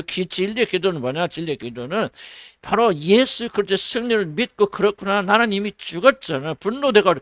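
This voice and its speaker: A man's voice: high-pitched, a bit bright, dry recording. A middle-aged man preaching a sermon as senior pastor, asking rhetorical questions and acting out quoted voices.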